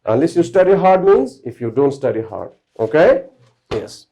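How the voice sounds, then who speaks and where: A man's voice: fairly high pitch, very animated, moderate pace, mellow, highs cut off. A man teaching English grammar to a class of students. He explains step by step and keeps checking whether they understand.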